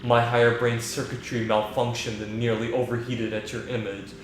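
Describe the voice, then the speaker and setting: Lab computer, male, flat monotone, stiff and smitten, a man doing it in a very echoey room. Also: medium pitch, moderate pace, a little hiss or hum, close to an everyday voice. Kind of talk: reading game dialogue aloud.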